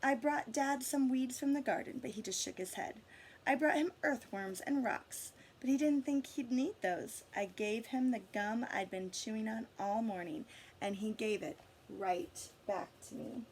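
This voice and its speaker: A woman whose voice is slightly high reads a picture book to children, stressing key words, stretching some out and addressing her listeners directly with asides and questions. The homemade recording has poor audio with faint noise behind her.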